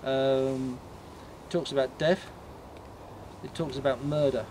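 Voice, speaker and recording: Halting male ghost tour guide, noisy recording. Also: mid-range voice, steady tone, a little mellow. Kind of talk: informal explanatory talk to a tour group. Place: on a night walking tour, in the dark. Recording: noisy outdoor night recording.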